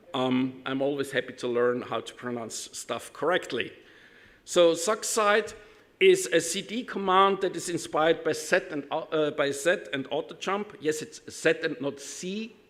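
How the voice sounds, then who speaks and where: This conference speaker is a man from Austria whose German accent is Austrian. Presenting a technical talk in a higher-leaning voice, he stumbles through frequent ums and restarts while poking dry fun at himself.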